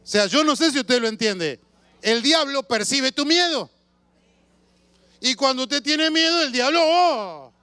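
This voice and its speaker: A man preaching a sermon as a pastor, telling stories with shouts and sound effects and asking the congregation questions. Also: extremely high pitch, expressive, unhurried, clear, resonant tone, no echo. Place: church.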